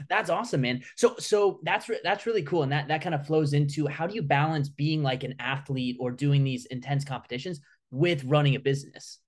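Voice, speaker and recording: A male podcast host with a somewhat high voice for a man. He asks questions eagerly, upbeat and chatty, peppering his speech with "like." Loose and conversational. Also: normal speed. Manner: upbeat, enthusiastic, filler "like". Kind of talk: casual interview chat.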